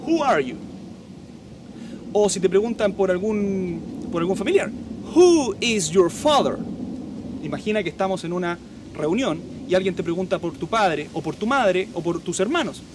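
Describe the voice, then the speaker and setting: A man's voice: high voice, noisy background. A man who speaks Spanish as his first language, teaching English in a lesson and drawing out model words to be repeated. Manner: slow, drawn-out model pronunciations with lively teacherly emphasis.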